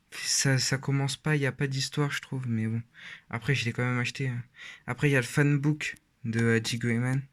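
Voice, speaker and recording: A teenage boy talks in a loose, casual way, stopping often on fillers and restarting his sentences. His pitch sits in an ordinary middle range for a young male voice. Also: fairly bright tone. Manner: rambling, hesitant with many fillers. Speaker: vlogger. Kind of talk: casual shelf tour.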